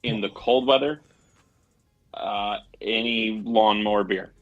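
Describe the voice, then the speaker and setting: Man in his thirties, podcast guest, husky voice, dull lo-fi sound. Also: lowish voice, steady tone, slow. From Michigan, Detroit area. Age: 30s. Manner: joking, self-mocking. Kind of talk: casual chat.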